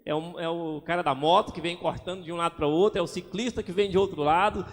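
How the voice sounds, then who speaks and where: A man's voice: sits high, fairly even intonation, fast. A man preaching a sermon as pastor, acting out little everyday scenes as he goes. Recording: long hall reverb.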